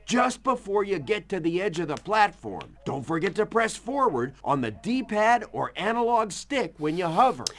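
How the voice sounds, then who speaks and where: An upbeat young cartoon game coach, speaking like an earnest, determined anime hero. The voice sits high and moves with lively swings as it gives encouraging tutorial instructions. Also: male voice, normal speed, hardly any pauses, heavily acted. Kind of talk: video game tutorial voice acting.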